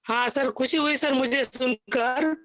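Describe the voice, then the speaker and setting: A man speaks over a video call through a clipping, distorted mic that keeps breaking up. His voice sits high and sounds dry and close with no room around it. He is deferential and earnest, addressing the guest as sir again and again. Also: fairly even intonation, unhurried, a bit bright, no echo. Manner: deferential, says sir often. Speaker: caller joining a live video session. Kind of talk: polite earnest question to a guest.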